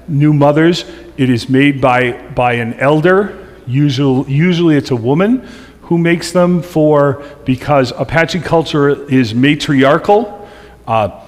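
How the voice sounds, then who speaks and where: A man's voice: medium pitch, in a large hall. A middle-aged man, a pastor, telling humorous stories in a chatty, easygoing way during a church presentation. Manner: chatty and humorous, laughing at his own stories. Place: church sanctuary.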